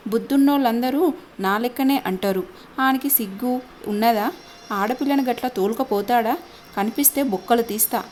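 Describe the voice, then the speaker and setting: A woman voicing a stern, gruff middle-aged village father who scolds. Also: on the high side, normal speed, a little mellow, a little hiss or hum, natural voice. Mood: angry.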